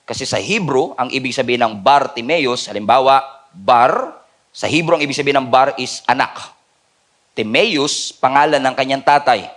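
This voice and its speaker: A man with a Filipino accent preaching a sermon at a church night service, mixing Tagalog and English and swinging between hushed and loud. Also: mid-range voice, moderate pace.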